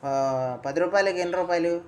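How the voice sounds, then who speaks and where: A man's voice: on the high side, moderate pace, darkish tone, slight background noise. A man quizzing a young boy in a casual way, coaxing him along and repeating his answers back, then dictating lines phrase by phrase for the boy to repeat.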